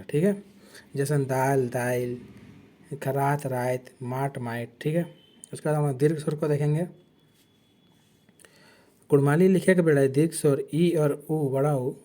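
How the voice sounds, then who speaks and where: Mellow-voiced man teaching an exam-prep class. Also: mid-range voice. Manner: explains from a slide, correcting himself often.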